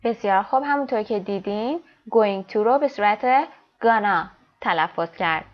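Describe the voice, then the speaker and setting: A woman's voice: mid-range voice, expressive. Woman teacher, Afghan Dari accent, lo-fi. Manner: rapid explanations, slow deliberate example sentences. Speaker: English teacher. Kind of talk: classroom language lesson.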